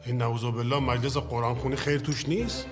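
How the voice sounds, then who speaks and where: An actor playing a pushy, quick-tempered middle-aged father who lectures and scolds, in a film drama with music underneath. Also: mid-range voice, fairly even intonation, lightly acted. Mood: scolding. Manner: irritable, lecturing, insistent.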